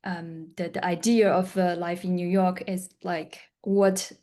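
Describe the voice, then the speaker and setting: A woman from outside the US sharing in an online group, soft-spoken and hesitant, with many pauses and fillers. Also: lowish voice, flat delivery. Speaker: workshop participant.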